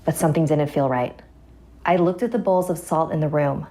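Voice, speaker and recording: A woman's voice: deep voice, brisk, dark tone. A woman narrating a scripted first-person horror story, with music behind her voice.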